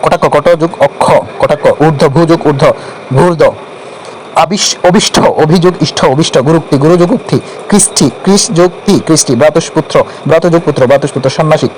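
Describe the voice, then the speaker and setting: Male teacher, slightly high voice, rote listing for exam prep, faint background noise. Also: darkish tone, poor audio. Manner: rapid rote listing with small slips. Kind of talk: reciting grammar drill for exam prep.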